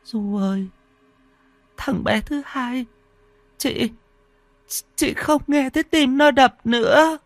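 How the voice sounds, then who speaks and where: A man's voice: a little high, expressive, brisk, breathy edge, no room sound, faint music behind, voice pushed up. A man voicing a frightened, grieving elder wife of a household, who talks in a stammering, tearful way. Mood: distraught.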